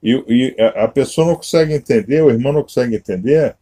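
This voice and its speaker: A Brazilian man with a mid-range, dark voice gives a quick-paced, conversational teaching sermon as a Masonic-Kabbalistic teacher. He speaks with a Brazilian Portuguese accent and tags nearly every phrase with a questioning "né?" or "tá?".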